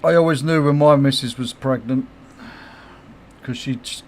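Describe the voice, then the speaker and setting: A man's voice: mid-range voice, moderate pace, a little mellow. A middle-aged man chatting casually on his game livestream, swearing freely, laughing often and reacting to chat comments. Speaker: game streamer.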